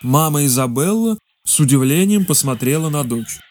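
A narrator reading a fairy tale in a measured, expressive way. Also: mid-range voice, a little hiss or hum. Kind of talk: storybook narration.

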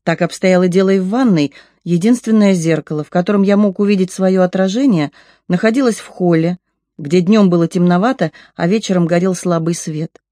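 Brief: measured first-person audiobook narrator, mellow tone, dry close sound. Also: medium pitch, dry recording.

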